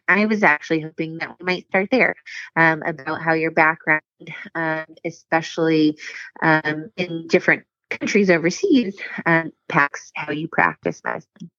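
Female podcast co-host, lower pitch, slightly muffled dry recording, curious questioner. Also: a bit bright, no echo. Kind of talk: podcast interview.

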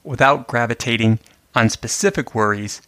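A male host reads a sonnet aloud in a measured, careful way, then talks through its meter and imagery as literary commentary. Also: medium pitch, sharp tone, dry recording. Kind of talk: poetry reading and literary commentary.

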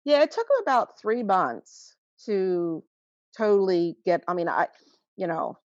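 A woman in her forties, a mother telling her son's story as an interview guest, earnest and halting with frequent restarts. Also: medium pitch, sing-song, no echo, highs cut off. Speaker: guest, mother of a teen who vaped. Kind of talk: emotional personal account in interview.

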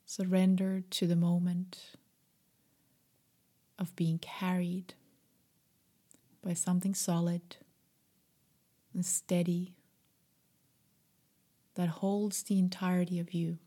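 A woman guiding a meditation in a soft, breathy, half-whispered voice, gentle, soothing and unhurried. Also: on the low side, level tone. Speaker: meditation guide. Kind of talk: slow guided meditation.

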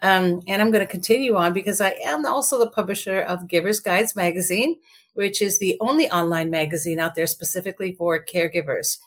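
A woman co-hosting a podcast in casual chat, chatty and upbeat, with her morning voice lower than usual. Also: brisk. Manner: chatty and upbeat, lots of fillers. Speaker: podcast co-host.

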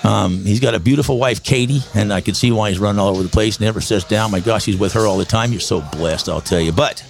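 Excitable older Texan podcast host. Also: male voice, on the low side, quick pace, gravelly, soft background music. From Texas. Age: 60s. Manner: excitable, rambling, folksy. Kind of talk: casual promotional podcast talk.

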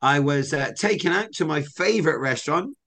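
A man's voice: fairly high pitch, fairly quick. A young man from England, co-hosting a podcast and telling stories in a chatty, upbeat way. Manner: chatty storyteller, lively and upbeat. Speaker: podcast co-host. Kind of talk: casual chat.

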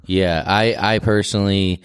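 Man, very low pitch, clear smooth voice, casual podcast host, in a garage. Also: steady tone, a little slow, dry recording, clean studio sound.

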